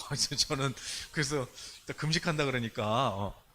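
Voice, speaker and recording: A man's voice: mid-range voice, moderate pace, slight background noise. A male pastor giving a conversational sermon in church, talking in a loose, chatty way and acting out the people he quotes. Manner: animated, colloquial, acts out quoted dialogue.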